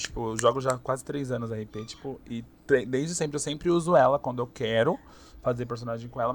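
A young man with a Brazilian Portuguese accent, chatting casually as a guest and telling lively stories, laughing often and acting out what people said. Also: mid-range voice, slight background noise. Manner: animated storyteller, laughs often, acts out quotes. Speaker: streamer guest. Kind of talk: casual podcast chat.

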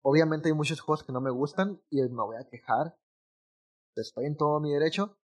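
Brief: young guy, slightly high voice, rambling gamer chat with slang. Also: moderate pace. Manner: animated, rambling with restarts and slang. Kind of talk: casual gaming chat.

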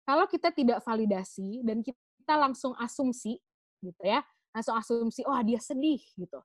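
A woman's voice: a little high, animated, moderate pace, dry recording. A woman patiently explaining things in a casual chat, slipping in English phrases. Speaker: guest explaining emotions.

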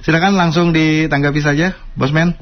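A man's voice: on the high side, fairly even intonation, a little fast. Male radio host, easygoing, fills gaps with "eh" and hums, dull lo-fi sound. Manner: easygoing, frequent fillers and backchannel hums. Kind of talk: radio talk show hosting.

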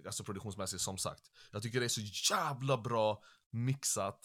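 A young man co-hosting a podcast, chatting playfully and quickly about hip hop. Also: fairly low pitch, a bit bright. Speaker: podcast co-host.

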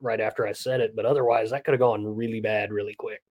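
A man's voice: lowish voice, fairly even intonation, fast talker, dull audio. A man co-hosting a podcast in casual banter, telling stories and ranting for laughs. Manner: ranting storyteller, jokey, laughs often. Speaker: podcast co-host.

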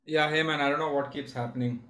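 A man's voice: on the high side, fairly even intonation, quick pace, pushed and bright. A man speaking casually on an online call, explaining his opinions emphatically and repeating words for stress. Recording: roomy, echoey online call audio.

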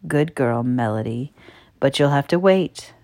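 A woman reading an erotic story, voicing a dominant man who gives quiet, slow commands. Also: rumbling low, lively intonation, voice pushed down. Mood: stern, hushed.

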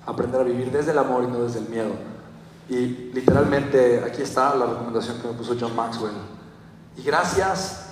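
A man's voice: mid-range voice, normal speed, noisy background. A young Mexican man with a Mexican Spanish accent giving a motivational talk, telling a story and acting out quotes with animation. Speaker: motivational speaker. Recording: echoey hall from far off.

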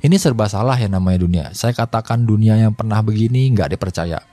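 Low, mellow-voiced middle-aged man. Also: fast talker. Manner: reflective, chuckles often between thoughts. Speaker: podcast host. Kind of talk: casual storytelling monologue.

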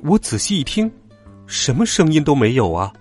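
A man narrating a children's story in an animated, expressive way. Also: a little high, normal speed, soft background music.

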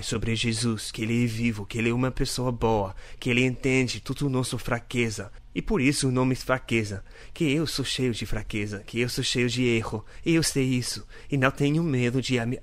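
A young North American man hosts his own casual solo podcast in Portuguese, which he's learning, speaking with an English accent. His mid-range voice is fairly even, at normal speed with few pauses and no echo, friendly and earnest as he jokes and stumbles over words.

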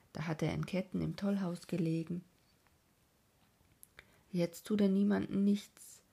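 A whispered role-play of a grieving old mother, as a woman reads her, pleading and lamenting in a husky breath. Her whisper is gravelly and low. She speaks slowly. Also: mellow, heavily acted. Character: worried old mother of a madman.

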